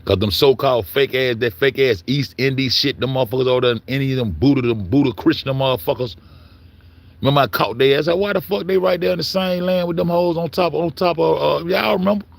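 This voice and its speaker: Gravelly man ranting with heavy profanity. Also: medium pitch, quick pace. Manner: profane, heated, repeats himself. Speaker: commentator. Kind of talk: ranting monologue.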